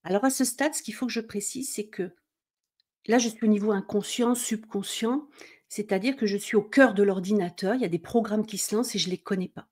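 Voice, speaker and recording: Middle-aged female coach, warm low-key tone, chatty teaching delivery, frequent check-ins. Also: fairly quick. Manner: conversational, checks in with "d'accord?", acts out inner worries. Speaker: mindset coach. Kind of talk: explanatory coaching talk.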